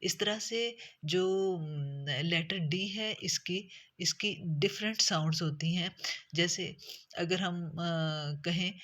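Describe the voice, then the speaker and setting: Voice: medium pitch, slow, fairly bright tone. A teacher giving a spoken lesson on English letter sounds in with speech, hesitant and full of fillers as words are spelled out letter by letter.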